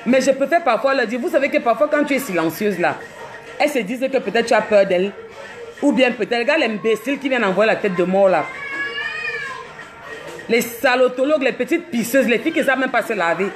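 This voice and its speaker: A woman's voice: on the high side, lively intonation, a little fast, faint music behind. A woman from Cameroon, ranting on a livestream, mocking and scolding with laughs between jabs. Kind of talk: live social media rant.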